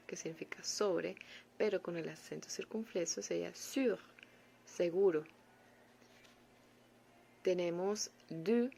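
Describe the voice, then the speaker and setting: A woman teaches French in a relaxed, unhurried way, with a slightly low and gravelly voice. She explains patiently and drops in playful little asides. A faint hiss of noise sits under the recording. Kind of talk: casual online language lesson.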